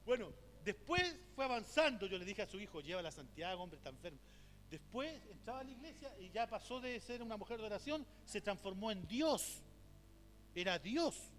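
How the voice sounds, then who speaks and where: A man's voice: very high voice, expressive, moderate pace, a bit bright. A middle-aged man with a Chilean accent, a pastor teaching at a church conference, telling stories and asking rhetorical questions. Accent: Chilean Spanish. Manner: storytelling with rhetorical questions, acts out quoted voices. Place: church hall. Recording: reverberant hall with faint hum.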